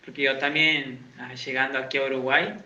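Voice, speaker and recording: A man's mid-range voice comes across flat, a little fast, pushed and bright as he preaches. He's an evangelical pastor from Santiago, Argentina giving a conversational sermon in a Uruguayan church, quizzing people and mocking himself, recorded with echo and dull lo-fi sound.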